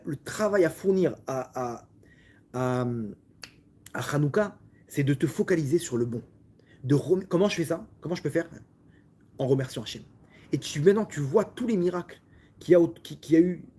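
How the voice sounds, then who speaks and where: Brief: French-accented male rabbi, husky voice, casual sermon with stumbling restarts. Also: high-pitched, a little mellow. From France. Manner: repetitive, stumbling restarts, talks directly to listeners. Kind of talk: lively Torah lesson to a small audience.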